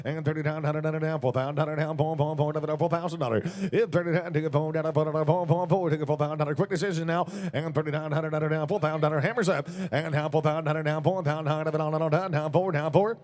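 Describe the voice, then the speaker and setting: A man working as an auctioneer, calling bids in a rapid, rhythmic, repetitive chant of numbers. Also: a little high, steady tone, darkish tone.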